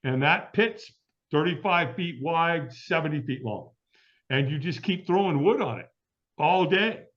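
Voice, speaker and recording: A middle-aged man is a guest on an interview show, telling a story with lots of energy and playing out what people said to him. His voice sits a little high and swings up and down a lot. The recording sounds dull and lo-fi. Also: expressive, measured pace, fairly bright tone. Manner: vivid, acts out quoted dialogue, laughs often. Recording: dull lo-fi audio.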